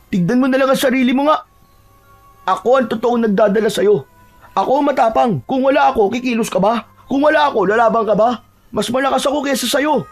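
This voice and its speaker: Guy putting on a bossy bragging young tribesman, way up high in pitch, faint music behind. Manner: bossy and scornful.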